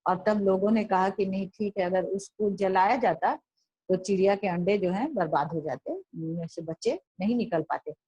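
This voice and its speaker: A woman teacher giving a classroom lesson, reading lines slowly and then explaining them in Hindi, often repeating and rephrasing. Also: mid-range voice, warm tone, slightly rough, dry recording, muffled recording.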